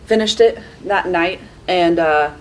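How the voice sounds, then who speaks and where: A woman's voice: lowish voice, a little slow, slight background noise, low-quality recording. A woman librarian co-hosting a casual book chat, telling stories expressively with fillers like "uh". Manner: animated, expressive storytelling with fillers. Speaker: librarian and podcast co-host.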